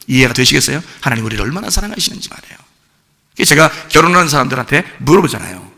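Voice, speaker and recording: A male pastor preaching a sermon, throwing rhetorical questions at the congregation and swinging between loud emphasis and quiet asides. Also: mid-range voice, big pitch swings, rapid-fire, vocal fry. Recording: echoey church hall.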